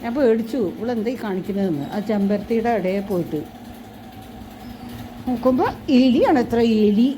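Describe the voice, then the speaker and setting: A woman coaxing and gently scolding her pet in an affectionate, sing-song voice. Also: fairly high pitch, expressive, moderate pace, long pauses, slight background noise, rough recording. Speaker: pet owner filming her pet. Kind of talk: cooing talk to a pet.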